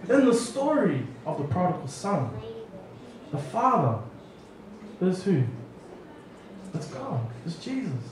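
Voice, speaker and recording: A man in his thirties from New Zealand, preaching a storytelling sermon on a handheld mic, animated and acting out family dialogue. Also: fairly high pitch, background noise. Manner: animated, acts out family dialogue with lively gestures. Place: church hall, small room. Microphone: handheld mic, far camera. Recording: echoey hall from far off.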